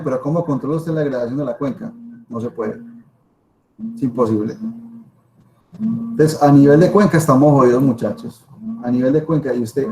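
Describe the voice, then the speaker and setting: A Colombian man speaks as a professor in an informal lecture. His voice is mellow and mid-pitched, and he drives points home with repetition and rhetorical questions. The online class recording has a faint layer of noise. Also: low-quality recording. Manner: emphatic, repeats himself, asks rhetorical questions. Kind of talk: informal spoken lecture to students.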